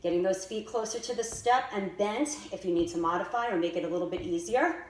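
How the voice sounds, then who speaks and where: A woman's voice: mid-range voice, brisk. A woman fitness instructor giving directive, step-by-step workout instruction and exercise cues. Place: indoors by a staircase. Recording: echoey room with faint noise.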